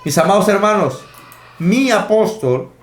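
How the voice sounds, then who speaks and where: A man's voice: sits high, animated, a little slow. A man preaching a sermon, teaching emphatically and counting out his points. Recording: echoey room.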